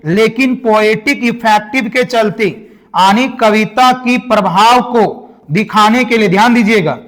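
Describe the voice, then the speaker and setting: Teacher guy, really high voice, keeps asking what do we call this then answers it. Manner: repeats questions to the class and answers them; addresses viewers as dear guys and my brother. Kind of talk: exam-prep lesson.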